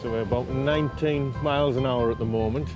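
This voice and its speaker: A man's voice: medium pitch, fairly even intonation, a little fast. A man working as a railway engineer, casually explaining the job on site outdoors. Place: outdoors on a bridge work site. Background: prominent music, outdoor traffic sounds.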